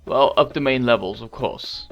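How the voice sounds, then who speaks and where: Dry let's play host on a dull mic. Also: male voice, mid-range voice, moderate pace, soft background music. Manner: dry, mildly critical. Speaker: gaming channel host. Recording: dull lo-fi microphone.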